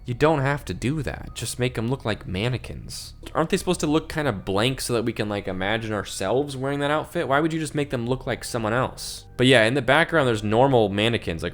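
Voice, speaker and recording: A man's voice: mid-range voice, fairly bright tone. A young man hosting a casual reaction video, rambling and easily creeped out, often laughing, with faint music behind him.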